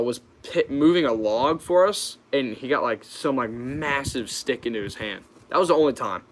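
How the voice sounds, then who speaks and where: A man's voice: mid-range voice, a bit bright. A young American man hosting a casual livestream Q&A, informal and hesitant, reading questions out and answering them off the cuff. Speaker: YouTube channel host.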